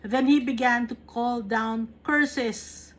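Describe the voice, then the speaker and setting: Speaking slowly in a high-leaning voice with fairly even intonation, a woman from the Philippines runs a Bible study. She reads English verses aloud, then unpacks them in conversational Tagalog, frequently checking in with short tag questions.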